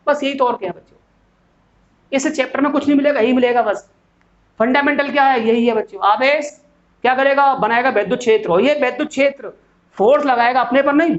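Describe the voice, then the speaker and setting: A man's voice: very high voice, brisk. A man gives a classroom physics lecture, often asking a question and answering it himself. The recording is dull and lo-fi. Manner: asks and answers his own questions, calls students "beta". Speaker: physics teacher. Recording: dull lo-fi sound.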